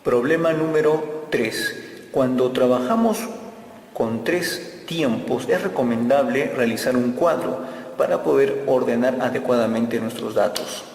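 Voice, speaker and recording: A math teacher with a mid-range, darkish voice walks through an algebra lesson one step at a time. He speaks slowly and keeps repeating key phrases as he solves the problems. The recording was made in an echoey room with long reverb.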